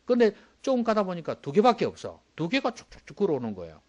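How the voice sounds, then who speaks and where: A man preaching a sermon as pastor, moving between quiet low asides and loud emphatic bursts and asking the congregation rhetorical questions. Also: wildly swooping pitch, quick pace, dull audio.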